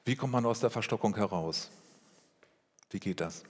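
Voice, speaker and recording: A man preaching a sermon as pastor, speaking in a measured way with rhetorical questions and repeated phrases. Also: lowish voice, slightly rough. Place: church. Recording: long reverb of a church hall.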